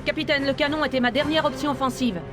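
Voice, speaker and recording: A woman playing a female game AI with a high voice and a wry, self-assured delivery. Orchestral-style game music runs clearly behind her. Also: fairly even intonation, fast talker, close to an everyday voice. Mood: wry, confident. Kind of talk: dramatic video game dialogue.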